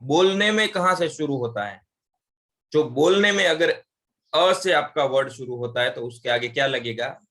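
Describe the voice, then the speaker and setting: A man's voice: medium pitch, animated, moderate pace, fairly bright tone. Male English teacher, patient explainer who drills examples aloud. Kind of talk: online class lesson.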